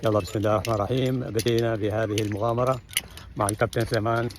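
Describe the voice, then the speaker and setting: Omani guy hosting an adventure vlog, talks really fast, bit of noise outside. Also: lowish voice, steady tone. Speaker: host interviewing participants of an outdoor adventure. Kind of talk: on-location vlog narration and interviewing. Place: outdoors on rocky ground at a cave. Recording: faint outdoor background noise.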